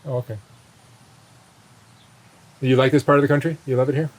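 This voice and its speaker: Male interviewer with a medium-pitched voice. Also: little pitch movement, a little fast. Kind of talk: conversational documentary interview questions. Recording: clear outdoor ambient noise.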